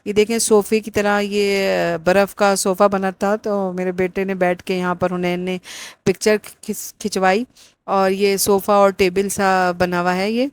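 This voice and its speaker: Middle-aged woman vlogger, chatty and rambling, dry close sound, mid-pitched. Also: little pitch movement, clean tone, no echo. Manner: chatty, rambling with many fillers. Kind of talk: casual vlog narration.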